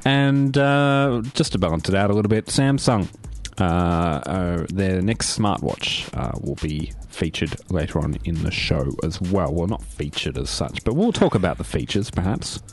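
Low-voiced radio host. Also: male voice, animated, unhurried, hardly any pauses, soft background music. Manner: chatty, hesitant with many fillers. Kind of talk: casual tech radio chat. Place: community radio studio. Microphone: studio mic.

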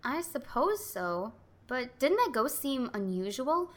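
A woman playing a level-headed, exasperated assistant detective in an old-style radio drama, brisk and earnest. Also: sits high, very animated, exaggerated voice. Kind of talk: 1940s radio acting.

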